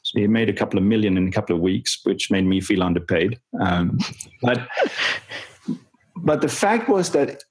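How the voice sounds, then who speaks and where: Husky-voiced man telling a coaching story. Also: lowish voice, normal speed. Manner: animated storyteller acting out quoted dialogue, chuckling often. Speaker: performance coach. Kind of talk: conversational storytelling in an interview.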